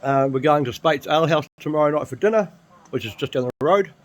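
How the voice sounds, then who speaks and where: A man's voice: on the high side, fairly quick, poor audio. Rambling New man vlogging at home. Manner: rambling, chatty, swears casually. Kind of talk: casual home vlog. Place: at home in a kitchen. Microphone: handheld camera.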